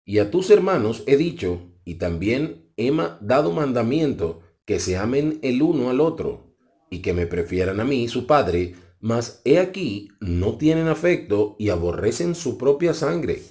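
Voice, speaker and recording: A man's voice: mid-range voice, big pitch swings, unhurried, dark tone. A man voicing a grave, wrathful ancient god. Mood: solemn wrath. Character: solemn ancient male deity, wrathful and grave. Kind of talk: scripture reading.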